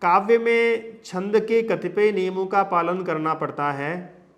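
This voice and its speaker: A man's voice: high voice, fairly even intonation, measured pace, a bit bright. A man teaching a lesson on sound change, explaining step by step through long lists of examples and frequent tag questions. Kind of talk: lecture on phonetics.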